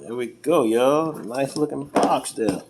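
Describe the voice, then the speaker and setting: The home-video audio is clearly noisy as a medium-pitched American man, animated but slow, unboxes car audio gear. He's a vlogger reviewing the equipment in an informal, folksy, colloquial manner.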